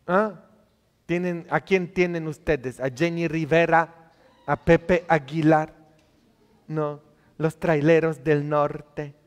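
A man's voice: fairly high pitch, steady tone, takes it slowly, long pauses, clear, resonant tone, in a large hall. A male priest giving a sermon, teasing and scolding the congregation with many questions. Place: church.

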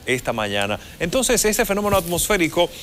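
Man, thirties, somewhat high pitch, formal weather forecaster, faint noise behind. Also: sing-song, fairly quick, a bit bright. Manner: formal, explanatory. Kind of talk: live weather explanation. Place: TV studio. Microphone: lapel mic.

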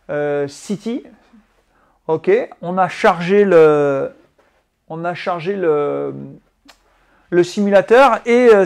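A golf coach from France talks through a live indoor demonstration with a high voice. His manner is relaxed and explanatory. He pauses and hesitates often as he walks viewers through the equipment. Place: indoors, living room with golf simulator.

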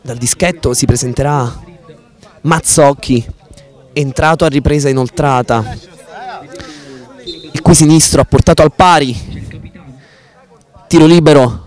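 High-voiced man, excitable football commentary. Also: unhurried, pauses often. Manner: excited goal calls that surge and stretch out; florid, formal sportscaster vocabulary. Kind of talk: amateur football match commentary.

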